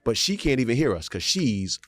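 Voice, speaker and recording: A man's voice: medium pitch, a little fast, dry recording. A man co-hosting a podcast, telling a story in a casual chat and acting out the voices and sounds in it. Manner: animated storyteller, acts out quotes and sound effects. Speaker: podcast co-host.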